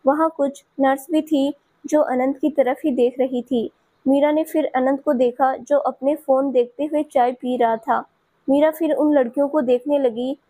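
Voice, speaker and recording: A woman storyteller giving scripted audio-story narration in a steady, even manner. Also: high voice.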